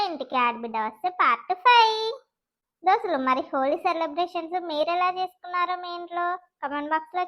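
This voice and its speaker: A woman's voice: high voice, fairly bright tone. A woman with a Telangana accent, hosting her channel in a friendly, casual intro to her viewers. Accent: Telangana Telugu. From Warangal, India. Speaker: channel host.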